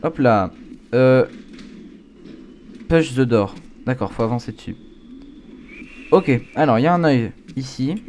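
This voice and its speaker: A man's voice: mid-range voice, lively intonation, unhurried, long pauses, a little mellow. A man giving casual horror game commentary, a scared, jumpy gamer reacting aloud as he plays. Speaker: video game streamer. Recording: clear background noise.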